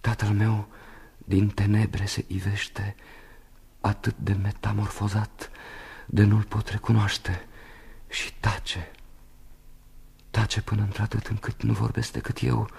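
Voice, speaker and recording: Troubled young soldier. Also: male voice, on the low side, level tone, creaky, pauses often, slightly rough, full character voice. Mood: musing. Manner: wavering between hushed musing and sudden exclamation. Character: young man back from war, dreamy and anxious. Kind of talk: radio drama acting.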